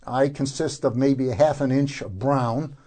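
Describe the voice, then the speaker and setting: An older man being interviewed as a gardener, informally explaining how to do things, haltingly and often searching for words. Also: medium pitch, steady tone, warm tone.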